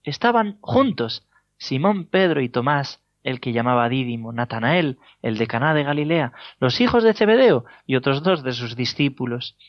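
A Spanish priest delivers a homily in a light, humorous storytelling manner with a Spain accent. His voice sits at a middle pitch. The recording is dull and lo-fi, with a dry, close sound. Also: expressive, normal speed, no room sound. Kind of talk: sermon.

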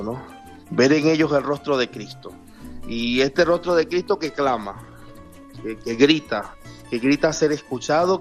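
A Venezuelan man, a parish priest, speaking earnestly as a guest in a remote radio interview and repeating words for emphasis. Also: mid-range voice.

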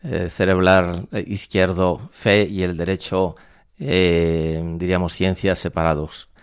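A man in his sixties from La Mancha in Spain, a priest, speaking thoughtfully with frequent pauses in a radio studio interview. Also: deep voice, little pitch movement, clean tone, no echo. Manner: thoughtful, measured, with frequent hesitations. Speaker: priest and university rector. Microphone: studio microphone.

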